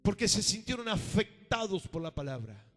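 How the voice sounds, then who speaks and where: Pastor preaching in a reverberant church. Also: male voice, high-pitched, sing-song, normal speed. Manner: emphatic preaching, calls for amen, swings between loud and hushed. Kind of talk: sermon. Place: church sanctuary.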